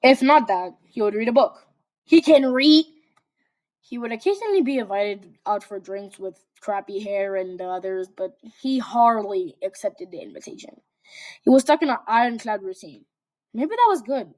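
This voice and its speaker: A woman's voice: mid-range voice, expressive, normal speed, darkish tone. A young woman casually reading fan fiction aloud, breaking off for chatty, giggly asides. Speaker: fanfic reader.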